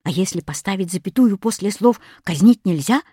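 A woman voicing a schoolboy who reasons things out aloud, eager and a bit raised in pitch, in a storybook reading. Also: expressive, a little fast, mellow, slightly rough, dry recording, studio quality. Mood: decided. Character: schoolboy, lazy but trying hard.

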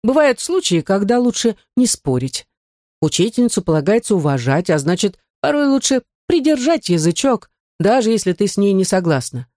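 A woman voicing a kind older woman who gently and patiently advises a young girl. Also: medium pitch, sing-song, normal speed, no room sound, studio quality, voice pushed up, close to an everyday voice. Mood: gentle.

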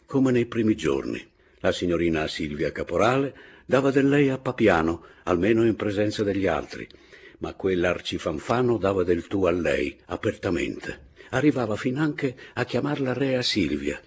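Lettura di narrativa da parte di un uomo dalla voce profonda e roca. Racconta con calma e partecipazione, con un timbro graffiante e poco limpido. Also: male voice, low voice, breathy edge. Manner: measured, expressive storytelling. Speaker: audiobook narrator. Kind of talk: literary audiobook narration.

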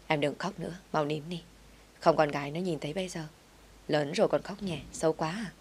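Woman voicing a gentle, weary young husband. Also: fairly high pitch, fairly even intonation, a little fast, a little hiss or hum, close to an everyday voice. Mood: tender. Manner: soft, soothing, reassuring.

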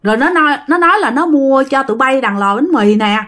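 A woman's voice: high voice, fairly quick, fairly bright tone, pitched above the performer's own voice. A woman with a Southern Vietnamese accent voicing an old village shopkeeper woman who stammers in fright. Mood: agitated. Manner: stammering, breathless exclamations.

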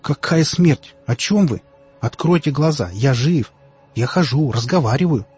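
A man reading an audiobook voices an indignant, stubborn young man who argues loudly and refuses to back down. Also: medium pitch, lively intonation, a little slow, breathy edge. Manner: indignant, arguing. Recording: dull lo-fi audiobook, faint music.

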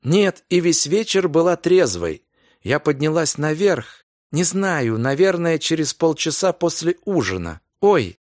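A man's voice: on the high side, sing-song, a little slow, a little mellow, no room sound, studio quality, voice pushed up. Man doing a frightened fragile young wife. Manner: pleading, breathless, fretful.

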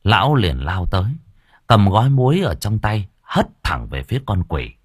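A man narrating a story audiobook in a lively, expressive reading. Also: on the low side, normal speed, husky, dry recording, studio quality.

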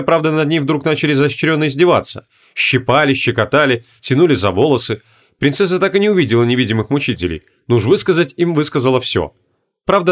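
Man narrating a fantasy audiobook. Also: medium pitch. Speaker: audiobook reader. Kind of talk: scripted narration.

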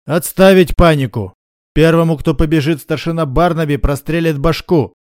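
A man's voice: on the high side, moderate pace, a little mellow, smooth, lightly acted. A man voicing a tough male police officer who gives short, firm commands. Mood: commanding. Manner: barking curt orders.

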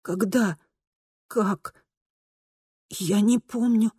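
A woman voicing a frightened teenage girl who cries out in panic, shrill and desperate. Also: very slow, fairly bright tone, breathy edge, no room sound, clean studio sound, heavily acted. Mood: panicked.

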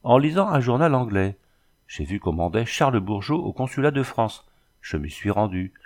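A man's voice: mid-range voice, lively intonation, moderate pace, darkish tone, natural voice. A man reading a storybook voicing a scheming middle-aged ship captain who gives curt commands.

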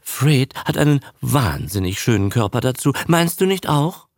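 Guy doing a breathy high-pitched young starlet, vain and naive, swooping all over the place, dry close sound. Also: sing-song, moderate pace, no room sound. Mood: gushing. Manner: breathy, dreamy, gushing chatter. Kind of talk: audiobook character voice.

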